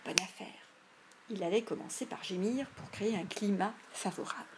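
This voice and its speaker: A woman narrating an audiobook in a measured, expressive storytelling manner. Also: medium pitch, heavy background noise. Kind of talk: audiobook reading.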